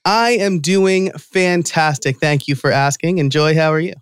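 A man's voice: a little high, a little slow, smooth, dry recording. A man with a New York accent hosting a podcast, upbeat and enthusiastic, laughing easily. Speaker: podcast host. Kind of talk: casual podcast chat.

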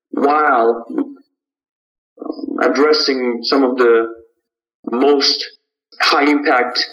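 A man from Kazakhstan, a startup founder answering interview questions in a measured, halting way with frequent restarts. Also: mid-range voice, a bit bright, lo-fi sound.

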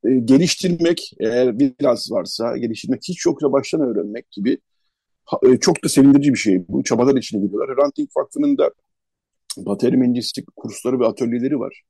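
A male host leading an unhurried conversational radio interview, pausing often and listing places one by one. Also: mid-range voice, creaky, mellow, breathy edge, dry recording.

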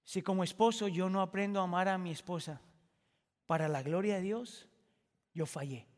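A pastor with a high voice delivers a sermon in a church sanctuary. He moves from hushed, reflective passages to impassioned, shouted climaxes. His voice carries a long reverb through the hall. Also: brisk.

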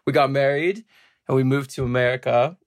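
A man's voice: medium pitch, a little fast, no echo, clean studio sound. A man talking as a guest from his home office, telling wry, self-deprecating stories in a casual interview. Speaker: guest advisor.

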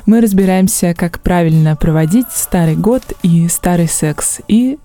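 A woman's voice: lowish voice, measured pace, dark tone. Playful young woman podcast host. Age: 20s. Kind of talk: casual podcast chat.

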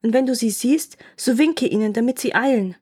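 A terrified young wife pleading for her life and calling anxiously up to her sister, put on by a woman reading a storybook. Her voice is lifted well above the reader's own pitch and comes out tense and urgent. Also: fairly quick, warm tone, slightly rough.

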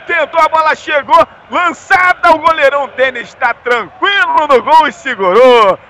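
A Brazilian man giving live football play-by-play with explosive, drawn-out, shouted goal commentary. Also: very high-pitched, a little hiss or hum.

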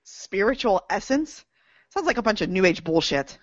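A woman's voice: mid-range voice, very animated, moderate pace, dry recording, highs cut off. A young woman acting a sarcastic, defiant college graduate in an audio drama. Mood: wry. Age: young adult.

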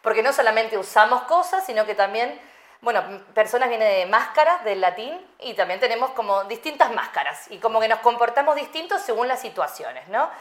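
A woman's voice: fairly high pitch, expressive, fairly quick. A woman answering interview questions, explaining step by step and thinking aloud with examples. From Argentina. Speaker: guest, UX designer. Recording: echoey room.

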